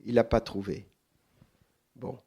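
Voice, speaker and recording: A man speaking off the cuff as a guest at a public talk, deliberate and hesitant, repeating words for emphasis. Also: mid-range voice, steady tone, dark tone, breathy edge. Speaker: guest author answering audience questions. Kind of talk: extemporaneous answers at a public talk.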